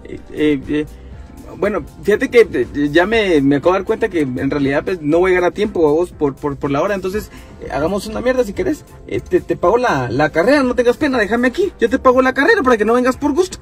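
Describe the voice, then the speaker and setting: A jittery passenger, played by a man with a Guatemalan accent, stammering and over-polite before breaking into curses. His voice is very high and rushes along, full of restarts in a comedy sketch. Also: expressive, faint music behind. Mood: nervous pleading. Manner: stammering, jittery, overly polite then cursing. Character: nervous young male passenger being robbed. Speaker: sketch actor.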